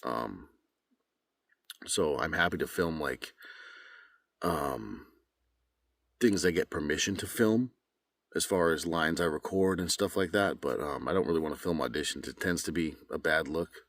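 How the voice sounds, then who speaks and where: A man's voice: extremely low pitch, unhurried, pauses often, a bit bright, no echo, clean studio sound. A man who works as a voice actor, chatting casually from his home booth, rambling with many fillers and restarts. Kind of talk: casual vlog talk.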